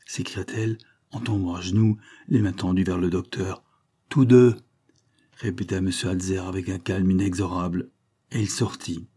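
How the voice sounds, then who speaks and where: A man reading a classic literary story aloud in a measured, storytelling manner. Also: low voice, level tone, dark tone, slightly rough. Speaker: audiobook reader. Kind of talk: scripted narration of a 19th-century story.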